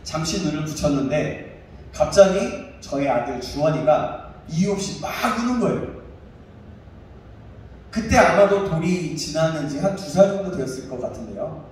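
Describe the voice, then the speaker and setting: A male pastor in his thirties preaching a sermon and telling a personal story with animated delivery. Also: fairly high pitch, moderate pace. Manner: animated storytelling, acts out his own shouting. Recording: echoey room, distant mic, faint noise.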